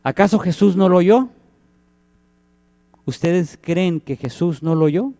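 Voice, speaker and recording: A man's voice: high voice, animated, slow, dark tone. A man, preaching a sermon as pastor, who acts out the cries and quoted voices in his story.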